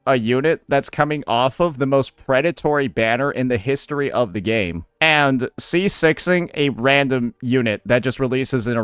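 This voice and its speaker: A man's voice: on the high side, fairly bright tone, clean tone, dry recording, clean studio sound. A man giving opinionated reaction commentary in a blunt, sardonic and profane manner.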